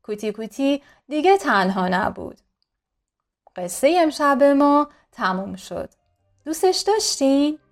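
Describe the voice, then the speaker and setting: A woman narrating a children's bedtime story in a soft, soothing, slow manner. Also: sits high, big pitch swings, soft background music.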